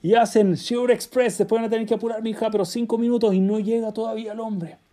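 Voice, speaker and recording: A man telling a religious story as a sermon, acting out the characters' dialogue in an animated way. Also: high voice, quick pace.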